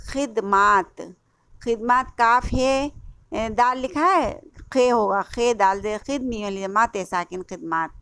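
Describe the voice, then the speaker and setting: A woman's voice: on the high side, slow pace, a bit bright, clean tone, no room sound. A woman with an Indian Urdu accent teaching a class-eight lesson, spelling words out letter by letter and repeating answers as she quizzes. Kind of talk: classroom lesson explaining a workbook.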